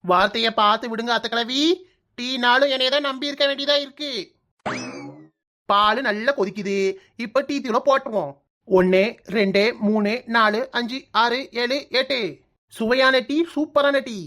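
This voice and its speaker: A woman's voice: fairly high pitch, normal speed, pushed and bright. A woman voicing a cheeky, lazy young daughter-in-law in a comic cartoon, teasing her in-laws in a Kanyakumari Tamil accent. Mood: breezy. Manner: teasing, mocking, brash.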